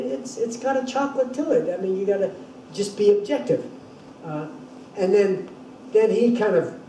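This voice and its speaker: This university lecture comes from an older man whose voice sits high yet sounds dark in tone. He reasons through ideas thoughtfully, restarting sentences often, while the echoey room, faraway mic, and faint hiss or hum color the audio.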